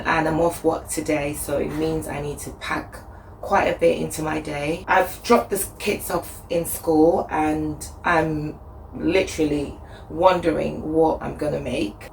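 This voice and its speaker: In her home kitchen, a woman casually vlogs while cooking, her low voice husky from the flu. She's chatty and upbeat, thinking aloud with plenty of fillers, and the echoey room carries faint background noise.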